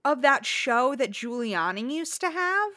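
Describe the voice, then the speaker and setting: A woman co-hosting a podcast, talking casually with lively asides, swearing and laughter. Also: high voice, a little slow, dry recording, studio quality. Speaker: podcast co-host. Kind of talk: casual chat.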